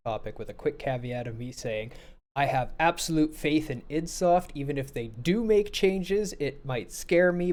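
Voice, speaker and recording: A man's voice: medium pitch, a little mellow. A man on a live game review panel, talking casually, laughing often and repeating words as he starts sentences.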